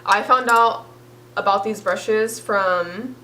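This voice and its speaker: A woman's voice: medium pitch, takes it slowly, bright, forceful tone. A woman co-hosting a beauty vlog, chatting casually and gushing about products with lots of "like". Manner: gushing, filler-heavy with frequent "like". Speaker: beauty vlogger co-host. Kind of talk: casual chat.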